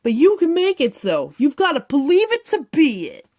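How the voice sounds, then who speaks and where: A woman's voice: high voice, huge pitch swings, moderate pace, darkish tone, no room sound, clean studio sound, voice pushed up. A woman voicing a pompous male hedgehog director in a storybook, theatrical and lecturing. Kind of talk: storybook reading.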